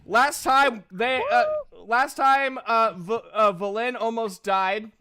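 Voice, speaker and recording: Running a tabletop role-playing session as game master, a man talks in a playful, animated, casual manner, swearing now and then. His voice is extremely high-pitched and he takes things slowly.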